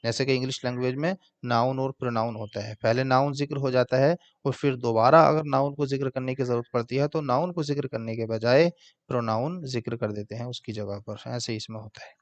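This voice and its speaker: A man teaching an Arabic grammar lesson, translating word by word in a slow, patient way. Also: medium pitch, steady tone, muffled recording.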